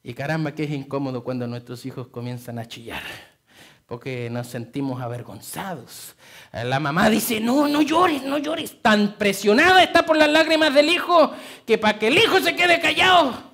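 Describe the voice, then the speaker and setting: High-voiced, lively male preacher. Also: normal speed. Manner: dramatic preaching, swinging from soft to shouted. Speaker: pastor. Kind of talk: sermon. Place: church.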